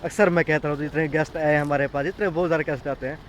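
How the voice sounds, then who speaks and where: A man's voice: fairly high pitch, steady tone, a little hiss or hum. A man, a farm owner hosting a casual farm vlog outdoors in an orchard, chatting and pointing things out as he explains. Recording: dull lo-fi outdoor recording.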